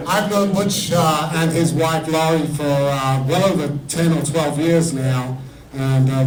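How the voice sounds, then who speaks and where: Man introducing a guest in an echoey room. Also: fairly high pitch. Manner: relaxed, with many fillers. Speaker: event host. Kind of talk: introducing a speaker. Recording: roomy, distant, noisy.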